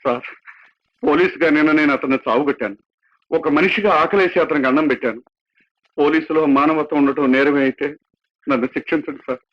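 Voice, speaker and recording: A man's voice: on the high side, fast talker, long pauses, lightly acted. An actor playing a humble, kind-hearted prison constable who talks earnestly and deferentially to his boss, in a film drama with a dull, lo-fi soundtrack. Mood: earnest, pleading.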